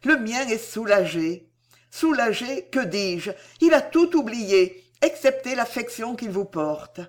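A man's voice: very high-pitched, animated, takes it slowly, voice pushed up, exaggerated voice. A man reading an audiobook, voicing a frail young woman who speaks faintly and tenderly.

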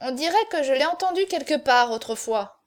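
A woman's voice: high voice, lively intonation, brisk. A woman voicing a sly male Norman henchman who speaks in a mocking, insinuating way. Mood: uneasy.

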